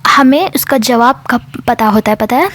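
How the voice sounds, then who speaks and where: Higher-voiced woman casually telling a story. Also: moderate pace, no echo. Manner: rambling, conversational, mixing in English words.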